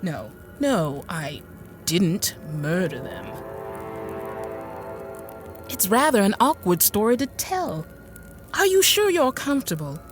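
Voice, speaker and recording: With a mid-range, sing-song voice, slow delivery and long pauses, this actress voices a bookish, apologetic inventor, a genteel and infirm middle-aged woman, in a radio drama. Her monologue and dialogue sound polite and hesitant, the speech old-fashioned and courteous, with faint music behind.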